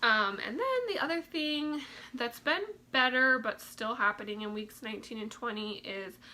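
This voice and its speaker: A woman's voice: on the high side, animated, normal speed, bright, forceful tone, low-quality recording. A young woman chatting casually in a vlog, a little out of breath, with lots of "like" and "um" fillers. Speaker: vlogger. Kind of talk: casual pregnancy update vlog.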